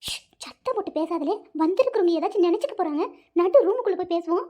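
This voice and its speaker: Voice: very high-pitched, expressive, rapid-fire, warm tone. A performer voicing a domineering, money-minded middle-aged mother in a cartoon, scolding her son in a bossy, colloquial way. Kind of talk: cartoon voice acting.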